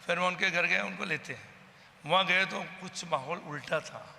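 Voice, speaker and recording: Gravelly man recounting an incident. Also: high-pitched, moderate pace, pushed and bright, big-room sound, slight background noise. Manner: agitated storytelling, acting out the quoted exchanges. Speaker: eyewitness from the local community. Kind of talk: personal account to a news camera.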